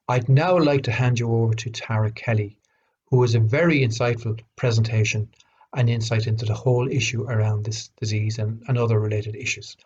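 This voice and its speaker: A man's voice: mid-range voice, darkish tone, slightly rough. A man acting as event host, formally introducing speakers. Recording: dull, lo-fi sound.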